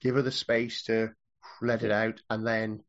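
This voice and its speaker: A man's voice: lowish voice, flat delivery, a little slow, highs cut off. A man hosting a podcast interview, friendly and a little hesitant, often repeating words. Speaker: podcast host.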